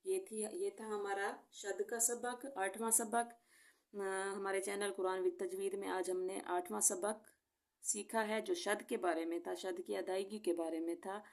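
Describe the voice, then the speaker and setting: A woman teaching a Quran recitation lesson. She explains each sound patiently, then recites the words slowly and clearly. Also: medium pitch, fairly even intonation, a little mellow.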